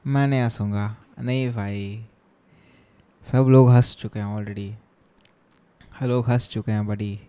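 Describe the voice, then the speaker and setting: His voice low-ish, warm and smooth, a young Chennai streamer talks a little slowly with frequent pauses and a steady tone. He jokes with viewers on a coding live stream, reading their chat aloud and mixing Hindi with English tech terms.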